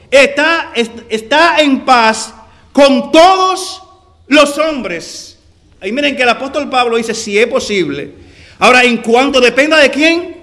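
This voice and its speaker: A man preaching a sermon, addressing listeners as brother, stretching out key words for emphasis and letting phrases sink low at the ends. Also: sharp tone. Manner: preaching with slow drawn-out emphasis and sinking phrase endings.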